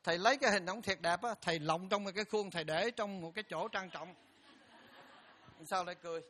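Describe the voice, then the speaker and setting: A man's voice: sits high, fairly quick, sharp tone, slight background noise. An older man, a Buddhist monk giving a humorous dharma talk and speaking straight to his audience. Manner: joking storyteller, addresses audience directly.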